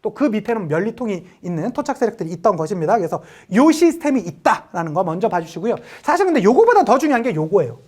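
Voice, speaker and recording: A woman's voice: mid-range voice, big pitch swings, fast, few pauses, darkish tone, breathy edge. A woman giving an exam-prep history lecture, firing off rhetorical questions and briefly acting out quotes.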